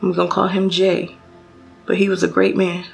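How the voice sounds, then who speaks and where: Young woman with vocal fry, chatty storytime. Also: on the low side, flat delivery, moderate pace, soft background music. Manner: casual, chatty, many fillers and restarts, addresses viewers directly. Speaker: beauty vlogger. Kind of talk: storytime while doing makeup.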